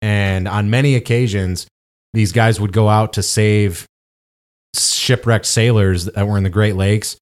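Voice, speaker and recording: Low-voiced man rambling casually. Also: steady tone, measured pace. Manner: rambling storytelling with many fillers. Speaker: podcast co-host. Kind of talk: casual chat.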